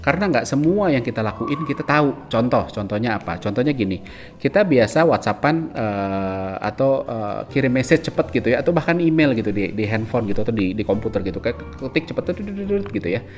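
A man's voice: medium pitch, expressive, fairly quick, faint music behind. A man hosting a podcast, talking, full of fillers and restarts. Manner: loose, conversational, many fillers and restarts. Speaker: podcast host. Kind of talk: casual explanatory monologue.

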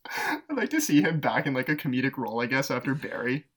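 A man co-hosting a podcast, pitching movie ideas in casual chat, laughing often and rambling with fillers. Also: huge pitch swings, fast, fairly bright tone. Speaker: podcast co-host.

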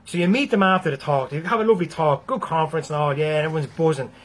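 A man's voice: on the high side, quick pace, a bit bright. A man with an Irish accent giving a blunt, freely swearing motivational talk to his viewers. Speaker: motivational speaker.

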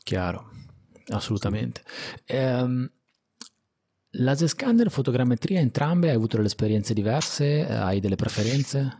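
A man's voice: medium pitch, big pitch swings, unhurried, warm tone, slightly rough. A man interviewing casually on a technical subject, thinking aloud through long questions and adding short affirmations.

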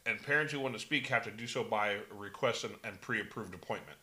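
A man co-hosting a casual political chat, halting and repeating words. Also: fairly low pitch, sharp tone, low-quality recording. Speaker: talk show co-host.

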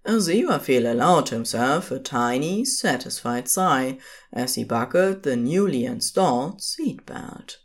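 Reading a story from a script, a woman with a very low voice narrates slowly and deliberately, her pitch moving in a lively way.

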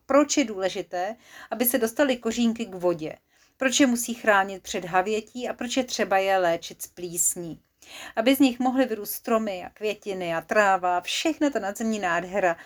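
A young mother telling a bedtime story to her child, gentle and relaxed with small slips. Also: mid-range voice.

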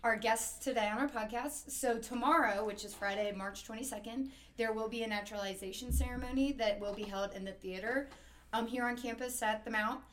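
A woman's voice: on the high side, brisk. This is a young woman hosting a student podcast, chatty and full of fillers as she introduces guests and asks questions. A faint hiss sits under her voice. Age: young adult.

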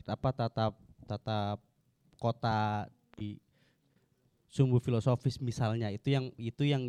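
A man takes his turn in a discussion, hesitant and often searching for the next word. His voice is mellow, smooth and resonant, with a dry, close sound. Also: medium pitch, no room sound. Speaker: discussion participant. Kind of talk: spoken discussion contribution.

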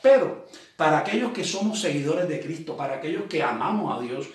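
A man preaching a sermon, reading scripture slowly and explaining it conversationally, often checking in with rhetorical questions. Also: fairly high pitch, lively intonation. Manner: reads scripture aloud slowly, then explains it. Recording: very echoey room, voice from a distance.

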